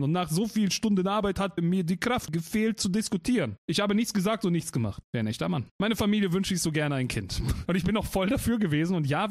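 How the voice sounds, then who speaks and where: A man's voice: high-pitched, no echo, clean studio sound. A man reading a relationship post aloud and breaking in with wry, sarcastic comments. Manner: wry, interrupts his reading with sarcastic asides. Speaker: streamer reading advice posts.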